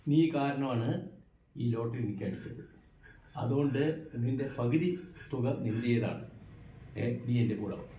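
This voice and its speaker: A man with a Malayali accent playing a rough adult villager who keeps soothing someone. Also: mid-range voice, measured pace, long pauses, mellow, lightly acted. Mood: consoling. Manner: soothing, repeating reassurances. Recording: echoey room, mic far off, clear background noise.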